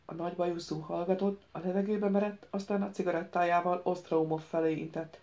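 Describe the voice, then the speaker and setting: A woman narrating an audiobook in an even, measured, subdued way. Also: lowish voice, lo-fi sound.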